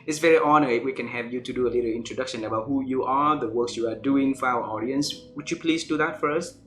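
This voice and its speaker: A man's voice: medium pitch, quick pace, fairly bright tone, soft background music. A man from Vietnam hosting an interview, polite and welcoming in slightly broken English. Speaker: host.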